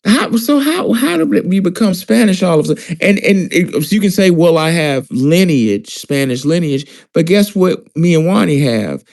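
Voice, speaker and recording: A man's voice: high voice, very animated, moderate pace, gravelly, few pauses, darkish tone. A man from Alabama with a Southern American accent, hosting a casual discussion in a conversational, questioning way. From Alabama, US Deep South. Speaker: host.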